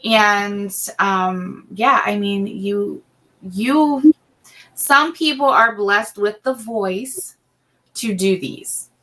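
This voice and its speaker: Heard through poor audio, a middle-aged woman speaks very slowly in a mid-range, somewhat bright voice. She's a co-host and assistant in a casual podcast chat that meanders with frequent ums and restarts.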